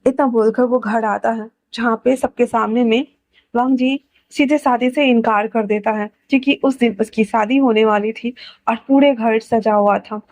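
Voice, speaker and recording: High-voiced woman reading a story. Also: normal speed, no echo. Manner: emotional, expressive reading. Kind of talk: reading an emotional romance story aloud.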